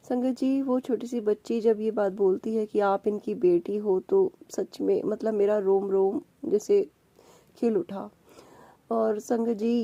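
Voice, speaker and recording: A woman's voice: medium pitch, mellow, no echo, highs cut off. A woman sharing a devotional testimony in a prayerful, emotional way, slipping English words into her talk. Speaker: satsang sharer, channel host.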